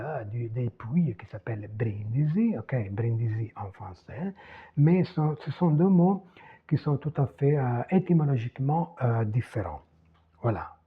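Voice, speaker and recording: A man teaching a language lesson at a board, slow and methodical, repeating example words. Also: mid-range voice, husky. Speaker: Italian teacher. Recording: tinny phone-like sound.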